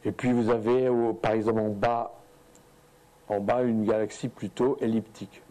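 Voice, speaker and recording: A man giving a seminar lecture on astronomy to an audience, talking over slides in a halting way, with many fillers, restarts and repeated words. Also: lowish voice, flat delivery, mellow, poor audio. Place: lecture room.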